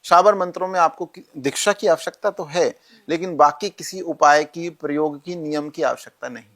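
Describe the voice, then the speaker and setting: A man gives calm, step-by-step instructions on rituals and mantras as an interview guest. His voice sits a little high for a man, and he speaks straight to the listener. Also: normal speed. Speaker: astrologer guest.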